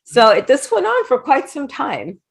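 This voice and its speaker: A woman's voice: high-pitched, wildly swooping pitch, moderate pace, creaky. A middle-aged woman guest in a casual interview, telling chatty anecdotes and slipping into quoted voices. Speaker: interview guest, former wrestling manager.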